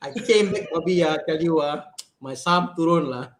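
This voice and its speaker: A man's voice: a little high, moderate pace, echoey room, slight background noise. A man with a Malaysian accent in casual chat, teasing and acting out what he recounts. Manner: teasing, acts out anecdotes.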